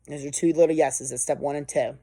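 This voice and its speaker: A woman's voice: sits low, steady tone, a little fast, mellow, no room sound. A woman giving an emphatic, motivational sales coaching lesson. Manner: emphatic and motivational, pushes with intensity. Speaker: sales trainer. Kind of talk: instructional sales coaching talk.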